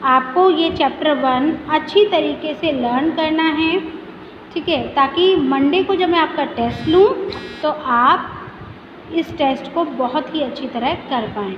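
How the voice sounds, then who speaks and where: High-voiced woman teaching a lesson. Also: measured pace. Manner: explains each point in Hindi, often asks the class questions and answers them herself. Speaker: school teacher. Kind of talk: recorded revision lesson for children. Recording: echoey room, dull lo-fi audio with faint noise.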